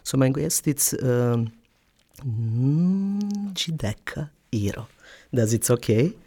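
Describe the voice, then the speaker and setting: A woman hosting a radio show from a studio, speaking non-native English in a halting way, with fillers and laughs. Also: a bass voice, animated, warm tone.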